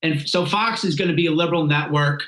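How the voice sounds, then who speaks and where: A man's voice: fairly high pitch, quick pace, a bit bright, roomy sound, poor audio. A man giving assertive, opinionated takes on a political talk show.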